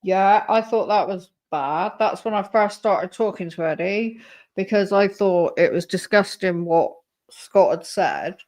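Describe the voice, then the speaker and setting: A woman's voice: mid-range voice, unhurried, darkish tone. A woman hosting a casual live stream, reacting to a clip and talking to her chat. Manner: chatty, reacting to a clip and reading chat aloud.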